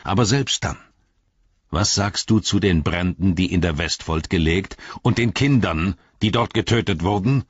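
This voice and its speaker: A man's voice: deep voice, moderate pace, breathy edge, dry recording, lo-fi sound. A man voicing a proud aging king who speaks sternly and accusingly. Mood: defiant.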